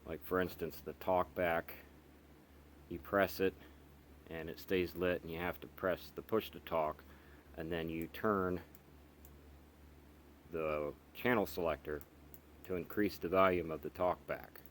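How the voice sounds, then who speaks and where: A deep-voiced man casually goes through the features of a radio he's reviewing, as a radio hobbyist would. He explains each step haltingly, with plenty of ums, pauses, and restarts, and his intonation stays fairly even. There's slight background noise.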